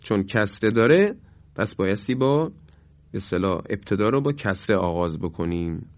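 A male teacher giving a Quran recitation lesson on a broadcast program. He explains the rules politely and formally, then says each Arabic example word slowly and drawn out. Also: on the low side, expressive, dry recording, muffled recording. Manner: slow, drawn-out demonstration of Arabic words.

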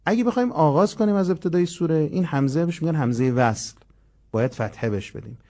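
A man teaching Quran memorization, explaining pronunciation and meaning and reciting each verse slowly to demonstrate it. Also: on the high side, lively intonation, dark tone.

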